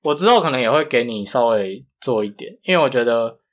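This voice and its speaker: Male podcast co-host, strong Taiwanese accent, soft unrolled retroflex sounds, mid-pitched, conversational. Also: a little fast. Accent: Taiwanese Mandarin. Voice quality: flat, non-retroflex consonants. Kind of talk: casual chat.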